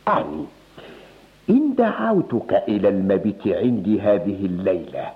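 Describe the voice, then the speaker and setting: An actor playing a hesitant townsman, a stingy host feigning generosity in a radio comedy drama, with theatrical, measured delivery. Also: lowish voice, sing-song. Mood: hesitant, hospitable. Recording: muffled, phone-like old radio recording.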